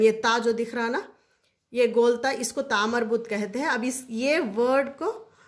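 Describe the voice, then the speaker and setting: A woman with a slightly high voice teaches Quranic Arabic grammar in a casual, explanatory lesson, often repeating key terms for her listeners.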